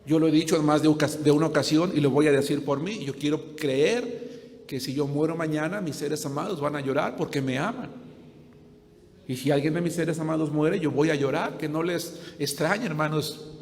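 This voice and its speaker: An older male pastor preaches with a high, ringing voice that lingers in a long church reverb. He swings from fervent, climbing appeals to quiet, earnest confiding. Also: normal speed, a little hiss or hum. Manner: preaching with impassioned rises and hushed, earnest stretches. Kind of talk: sermon. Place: church sanctuary.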